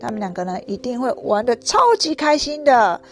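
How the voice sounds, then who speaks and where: A woman reading a picture book aloud to a child in an animated way, stopping to ask the listener questions. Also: on the high side, a little fast.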